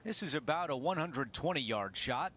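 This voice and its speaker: A man calling golf shots in short, lively lines for a video game. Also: a little high, normal speed. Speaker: golf commentator. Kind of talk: scripted video game commentary.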